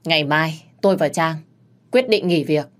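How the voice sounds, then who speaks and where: A man's voice: on the high side, moderate pace, a bit bright, close to an everyday voice. A woman playing Quân, a frantic protective young man. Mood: angry, commanding. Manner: urgent and commanding. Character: protective young man, fierce and frantic over his hurt lover.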